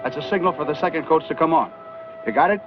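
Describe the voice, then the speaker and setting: A man's voice: a little high, lively intonation, fast, close to an everyday voice. An American actor playing an authoritative frontier lawman giving clipped orders in an old western film. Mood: commanding. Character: commanding frontier lawman leading a posse. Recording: dull old film soundtrack with music.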